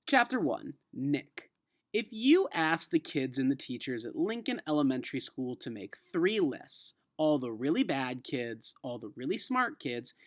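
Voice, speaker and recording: A man with an American accent and a fairly high-pitched voice reads a children's novel aloud to his elementary school class. As their teacher, he explains the story in an expressive, emphatic way.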